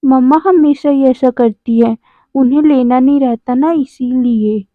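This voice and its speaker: A woman's voice: high-pitched, measured pace, no room sound, phone-quality sound. A woman narrating a fan fiction story, reading out the characters' lines in a slightly lifted voice, recorded on a phone. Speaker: fanfiction narrator. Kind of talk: storytelling narration with acted dialogue.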